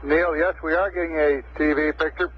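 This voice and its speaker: A man's voice: on the high side, steady tone, moderate pace. A man at mission control giving brief, clipped, businesslike acknowledgments over crackly, breaking-up space radio. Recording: muffled, hissy 1960s radio loop.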